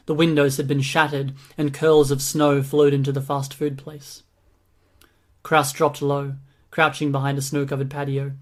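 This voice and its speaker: A man narrating a fantasy audiobook in a steady, even reading. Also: mid-range voice. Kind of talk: scripted narration.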